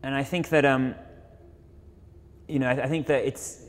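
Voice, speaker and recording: A young photographer and filmmaker gives an informal illustrated talk in a university auditorium, his mid-range voice steady and at normal speed. He's reflective, with many fillers and self-corrections, and the lecture hall adds long reverb.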